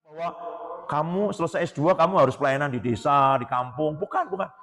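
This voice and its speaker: A man preaching a sermon as a pastor, telling stories and quoting people in lively voices. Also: fairly high pitch, fairly quick. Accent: Indonesian. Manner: animated storytelling, quoting others in voices. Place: church hall. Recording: long reverb of a church hall.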